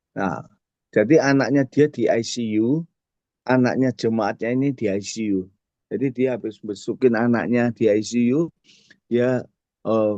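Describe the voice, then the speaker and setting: A man's voice: medium pitch, a little mellow, no room sound. A man, telling a story as a testimony at a prayer fellowship, speaking directly to the congregation. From Indonesia. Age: 60s. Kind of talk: sermon testimony. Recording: dull dry sound.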